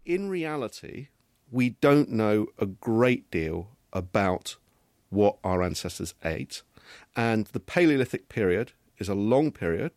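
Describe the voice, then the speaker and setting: A middle-aged man, a genetics professor, answering interview questions in a measured, explanatory way. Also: fairly low pitch, very animated, a little mellow, no echo, studio quality.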